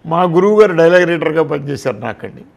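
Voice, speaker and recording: A man's voice: a little high, expressive, fast, gravelly. An older man with a Telugu accent, a film director in an interview, telling stories of his career and acting out the old conversations. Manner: storytelling, acts out past conversations. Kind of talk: reminiscing interview talk.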